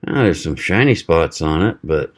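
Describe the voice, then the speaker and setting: Low-voiced man testing a knife, folksy. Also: normal speed. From American South. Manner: relaxed, folksy, thinking aloud while cutting. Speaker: knife reviewer. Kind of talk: casual product test vlog.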